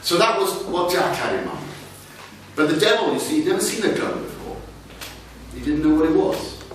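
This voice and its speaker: A man's voice: sits high, expressive, normal speed. A man from Wales telling a folk tale live to an audience, with playful asides. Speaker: storyteller. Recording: echoey room from far off, noisy.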